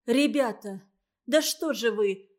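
A woman's voice: sits high, animated, takes it slowly. A woman voicing an indignant young Komsomol girl who scolds and fights back tears in an audiobook reading. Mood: furious.

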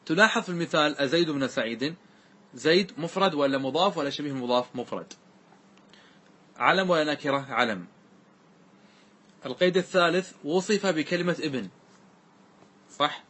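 A man's voice: fairly high pitch, animated, a bit bright, breathy edge. A man teaching a grammar lesson in a classroom-lecture style, explaining step by step and often checking that his students follow. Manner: recites verses slowly and deliberately.

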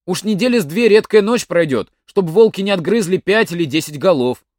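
A man's voice: sits high, lively intonation, brisk, a little mellow, no echo, clean studio sound, voice pushed up. A man voicing a sly young village lad in a folk tale, bold and cheeky.

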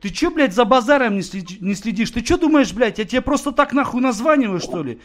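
A man's voice: extremely high pitch, lively intonation, fast talker, a bit bright. A man making a provocative prank phone call, taunting and swearing in street slang. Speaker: prank caller.

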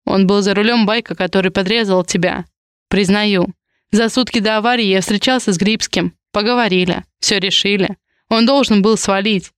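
A woman's voice: medium pitch, fairly even intonation, normal speed, clear, resonant tone, no room sound, studio quality, lightly acted. A woman reading an audiobook, voicing a protective, possessive young man in clipped, blunt lines. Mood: gruff.

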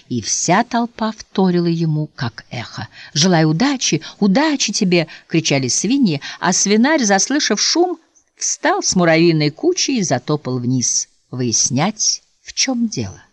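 Woman audiobook narrator, low voice, very animated storytelling. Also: no room sound. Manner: expressive, lively storytelling. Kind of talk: scripted narration.

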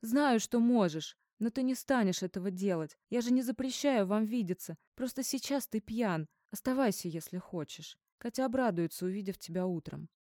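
A woman's voice: mid-range voice, lively intonation, moderate pace, few pauses, dark tone, dry recording, clean studio sound, natural voice. A woman voicing a frightened young woman who pleads in a trembling voice in an audiobook. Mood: pleading.

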